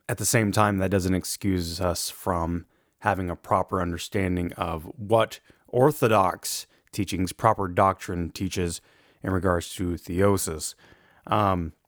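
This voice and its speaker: A man with a gravelly voice, rough from allergies, giving an informal lecture in a measured, carefully qualified way. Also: deep voice, dry recording, clean studio sound. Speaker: theology lecturer.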